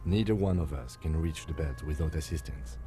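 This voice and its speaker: A man playing a composed, methodical police detective in a video game, measured and matter-of-fact. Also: very deep voice, over music. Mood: measured, dry. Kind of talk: video game character acting.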